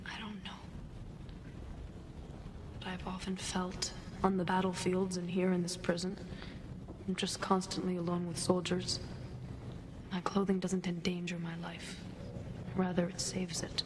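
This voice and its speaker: A woman's voice: on the low side, completely flat delivery, a little slow, long pauses, background noise, close to an everyday voice. A woman playing a devout, defiant young medieval prisoner on trial, speaking earnestly and steadfastly in a film drama. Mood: subdued, sincere. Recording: loud music behind the dialogue.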